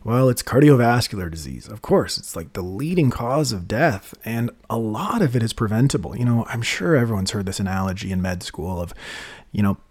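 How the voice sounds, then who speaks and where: A physician talks through research papers in a relaxed podcast chat, a casual medical journal discussion. His husky voice is on the low side and fairly quick, and his manner is lively and explanatory, with lots of "you know".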